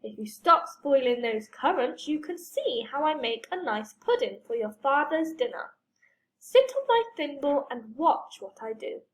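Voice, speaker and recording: A woman's voice: high-pitched, sing-song, measured pace, rough recording. A woman voicing a fussy, protective mother in a storybook, fretful and exclaiming. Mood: instructive.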